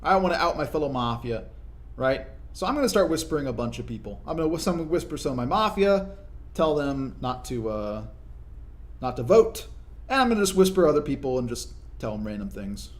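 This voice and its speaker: A young man giving casual, explanatory commentary over his own gameplay, often tagging his points with quick check-ins to the listener. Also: a little high, big pitch swings. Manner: conversational, explanatory, frequent "right?" tag questions. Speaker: gaming video commentator.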